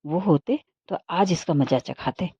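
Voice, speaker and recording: A woman's voice: on the low side, unhurried, mellow, breathy edge, dry recording. A woman voicing a proud young wife from a wealthy family in a storybook reading, speaking in a cutting, indignant way. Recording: dull muffled dry recording.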